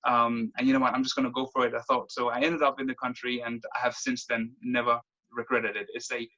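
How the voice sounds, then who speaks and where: Young guy from denmark on a video call, bright voice, rushes along restarting himself, kinda muffled audio. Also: mid-range voice, little pitch movement. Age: 20s. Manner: quick, lots of restarts and fillers. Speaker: interview guest. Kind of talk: casual conversation.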